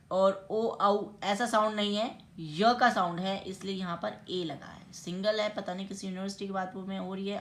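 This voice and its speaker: A woman's voice: mid-range voice, a little hiss or hum. Woman teacher spelling out letters. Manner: explains slowly, spells words out letter by letter, often checks with "theek hai". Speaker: English teacher. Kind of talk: classroom grammar lesson.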